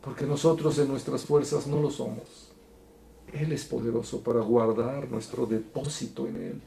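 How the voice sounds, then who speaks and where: A man teaching a Bible study in an earnest, preacherly way, going from soft to emphatic. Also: mid-range voice, steady tone, normal speed, gravelly, a little hiss or hum. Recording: echoey room.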